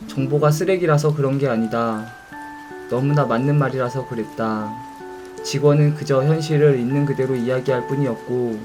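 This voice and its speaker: A young man narrating a scripted reflection in a calm, introspective way. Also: mid-range voice.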